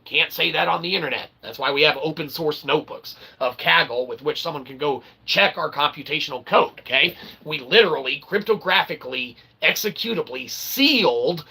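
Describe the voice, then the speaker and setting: An independent philosopher with his own channel rambles through a tongue-in-cheek monologue for viewers, plugging his own work and tagging phrases again and again with "okay." His voice sits on the high side, pushed and bright, with vocal fry and a slight roughness.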